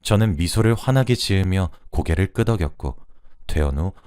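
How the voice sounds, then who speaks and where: A man's voice: low-pitched, expressive, moderate pace, darkish tone, smooth, no room sound, clean studio sound. A man reading out a first-person true story as scripted narration.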